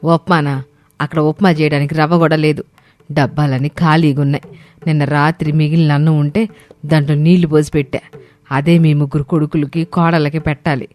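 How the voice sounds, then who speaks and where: Give me a woman doing a scolding old mother-in-law in a cartoon, with a deep voice. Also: little pitch movement, a little mellow, lightly acted. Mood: exasperated. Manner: scolding, quick. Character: older village mother-in-law, sharp-tongued and scolding.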